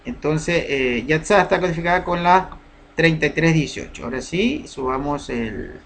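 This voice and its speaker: A man teaching a Bible study lesson over slides, pausing often with fillers and checking in with his listeners. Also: fairly high pitch, lively intonation, creaky, fairly bright tone, slight background noise. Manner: hesitant, many fillers, asks "¿no?" and "¿sí?" often.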